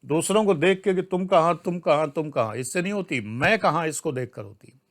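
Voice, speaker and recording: Older Indian man, exam-prep teacher, slightly high voice, forceful scolding lecture style. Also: lively intonation, a little fast. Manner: emphatic and scolding, swings between loud outbursts and low asides. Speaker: civil services exam teacher. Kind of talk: lecture to online class.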